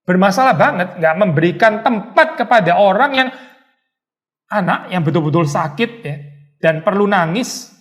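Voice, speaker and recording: A male pastor leads a Bible study in an easy, conversational way. His voice sits high and he keeps it animated, dropping English words into his talk. Now and then he acts out a stern little scolding line. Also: moderate pace.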